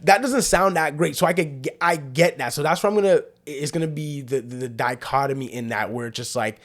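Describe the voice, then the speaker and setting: With a medium-pitched voice and a fairly quick delivery, a young podcast host chats casually. His style is loose and easygoing, heavy on slang and filler words.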